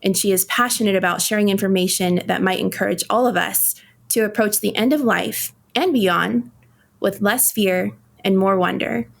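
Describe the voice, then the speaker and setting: A woman co-hosting a podcast, reading a guest introduction in a steady, scripted way. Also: medium pitch, moderate pace, gravelly. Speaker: podcast co-host.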